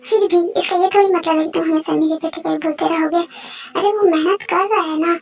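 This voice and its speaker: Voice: extremely high pitch, steady tone, a little fast, creaky, soft background music. A performer voicing a protective mother who sharply defends her son. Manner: sharp, scolding.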